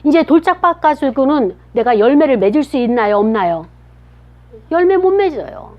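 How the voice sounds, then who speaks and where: A woman's voice: sits high, very animated, normal speed. A woman giving a children's sermon, telling a story and asking the children questions as she goes. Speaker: children's pastor. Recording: dull lo-fi recording.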